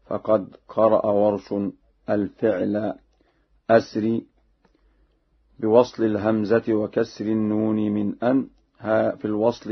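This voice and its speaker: A man teaching Quran recitation variants in a measured, formal way, breaking into melodic chanting for each example, on a dull lo-fi radio broadcast. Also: fairly low pitch, creaky, slightly rough.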